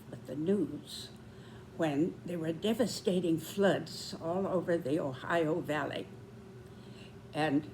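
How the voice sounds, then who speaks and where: A woman in her nineties giving reflective spoken commentary, with deliberate, measured phrasing and pauses. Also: sits low, a little mellow, a little hiss or hum, poor audio. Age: 90s.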